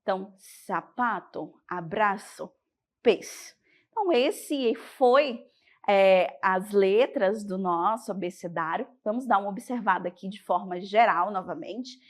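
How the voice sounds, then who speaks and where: A Brazilian woman with a Portuguese accent, teaching a language lesson and checking in with the class. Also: mid-range voice. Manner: slow, patient, checks in with "tudo bem?". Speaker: Spanish teacher.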